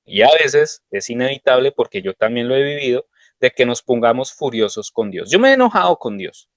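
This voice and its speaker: A man's voice: medium pitch, very animated, a little fast, no room sound. A man giving a devotional sermon, telling personal stories in a conversational way. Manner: conversational, anecdotal storytelling.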